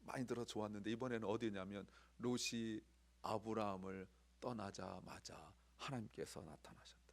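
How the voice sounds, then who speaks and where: A man preaching a sermon as pastor, animated, swinging from loud emphasis to near whispers. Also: fairly low pitch, normal speed, vocal fry. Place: church sanctuary.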